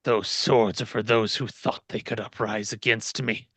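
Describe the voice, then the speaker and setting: A man's voice: on the low side, fairly even intonation, fairly bright tone, breathy edge, dry recording. A man as game master narrating in character, voicing a proud, bitter, centuries-old fallen fantasy king with haughty, menacing delivery. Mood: scornful. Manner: haughty, menacing, slow declamation.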